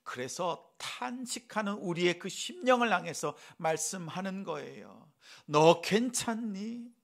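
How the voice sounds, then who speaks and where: A male pastor preaching a sermon, asking the congregation questions and acting out gentle quoted speech. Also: high voice, animated, a little slow, gravelly. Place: church sanctuary.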